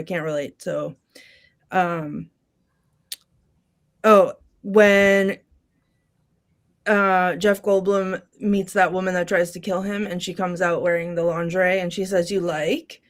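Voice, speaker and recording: Brief: woman, podcast panelist, reads quotes quickly, casual, lots of ums. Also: lowish voice, steady tone. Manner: reads lines briskly with many ums and small laughs. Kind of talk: casual chat, reading movie quotes aloud.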